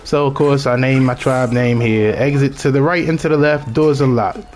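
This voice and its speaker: A man's voice: mid-range voice, steady tone, normal speed, a little mellow. A man from Baltimore with a strong local accent, chatting casually to viewers as he narrates his own video game session in a rambling way. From Baltimore, Maryland. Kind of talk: casual gameplay commentary.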